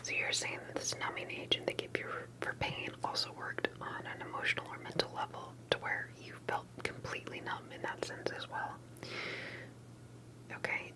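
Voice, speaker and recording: Poor audio captures a woman's breathy whisper as she conducts a pretend ASMR interview, her questioning gentle, halting and full of pauses.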